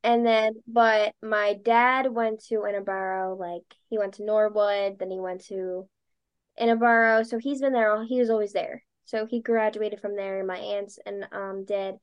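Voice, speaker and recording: A young woman from Delaware County, Pennsylvania, a dancer and podcaster with a Delco Philadelphia-area accent, chats as a guest in a casual interview. She's loud and talkative, sprinkling in lots of "like," with a mid-range voice, fairly even intonation, and moderate pace. Her tone is clean, though the audio sounds dull.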